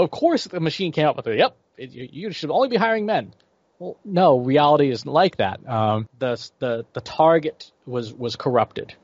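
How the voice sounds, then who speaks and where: A man's voice: mid-range voice, no echo. Man in his forties, guest expert, lectures and checks in with "right?"; dry, slightly dull lo-fi audio. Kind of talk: explanatory interview answers.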